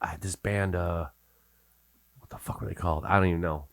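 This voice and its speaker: Band interview host: American male, 50s, lowish dry voice, loose, teasing, sweary banter. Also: steady tone, brisk, creaky, no echo. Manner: joking, teasing, swears freely.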